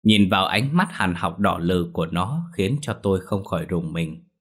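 A man narrating a first-person ghost story in a steady, earnest tone. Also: sits low, moderate pace.

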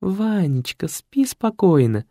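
A man's voice: high voice, sing-song, slow pace, creaky, dark tone, no echo, clean studio sound, voice pushed up, exaggerated voice. A man voicing a tender, sing-song female mattress program in an audiobook. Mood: cooing.

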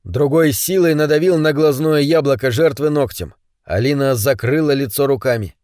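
A man reading a dark story aloud in a measured, tense storytelling voice. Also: medium pitch, no room sound, clean studio sound. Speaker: audiobook narrator. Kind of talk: dramatic story narration.

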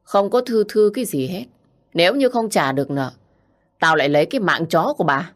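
A woman's voice: lowish voice, animated, fairly quick, lightly acted. A woman voicing a brutal male debt-collector thug who threatens and snarls. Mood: menacing.

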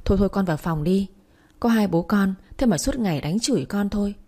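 A woman's voice: medium pitch, fairly quick, warm tone, lightly acted. A woman voicing a protective old grandmother. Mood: indignant. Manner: protective, scolding others sharply.

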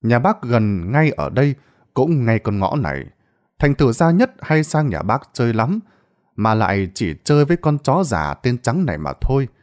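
Male storyteller, scripted narration, very lively pitch, dramatic. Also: normal speed.

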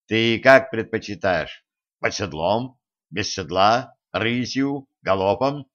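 A man's voice: lowish voice, lively intonation, slow, fairly bright tone. An idle, sardonic immortal sorcerer who drawls short, mocking replies, as a man reads him aloud. The recording sounds somewhat muffled.

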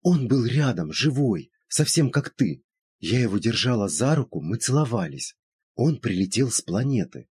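A man's voice: medium pitch, big pitch swings, moderate pace, a little mellow, slightly rough, voice pushed up. A man voicing an anxious widowed woman who speaks in an earnest, pleading way. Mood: insistent.

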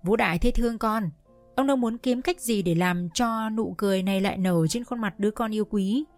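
Một người phụ nữ đọc truyện audio, giọng kể đều đặn. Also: female voice, mid-range voice, brisk, soft background music. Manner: steady storytelling. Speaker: narrator. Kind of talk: scripted audiobook narration.

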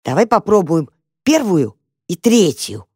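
A woman's voice: sits low, sing-song, normal speed, darkish tone, slightly rough, no room sound, studio quality, heavily acted. Woman playing a little mouse boy, sly, curious, mischievous, storybook voice. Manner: sly, wondering.

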